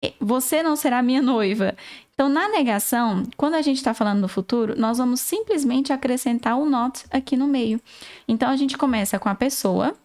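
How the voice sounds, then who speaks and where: A woman's voice: high voice, darkish tone. Brazilian woman patiently teaching English. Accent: Brazilian Portuguese. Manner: patient, explains step by step, slows for English examples. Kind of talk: casual online language lesson.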